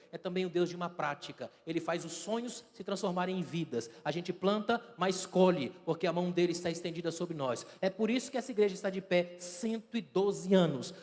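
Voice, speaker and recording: A Brazilian man preaches in a church with a high, ringing voice. His delivery is emphatic and swings between hushed and loud. The sanctuary adds a long, trailing reverb to every phrase. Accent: Brazilian Portuguese. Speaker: pastor. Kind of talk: sermon.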